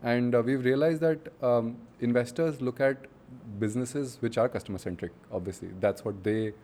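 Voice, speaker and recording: A man's voice: mid-range voice, moderate pace, dark tone, a little hiss or hum. A man with an Indian accent, a founder answering interview questions in a casual, conversational way. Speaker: startup founder, interview guest.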